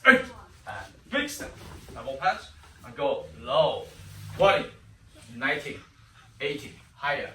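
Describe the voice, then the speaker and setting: A martial arts instructor teaching a kids' kung fu class, counting and giving short commands and encouragement, with loud music over the voice. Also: medium pitch, very animated, slow pace, pauses often, roomy sound, far from the mic, a little hiss or hum, poor audio.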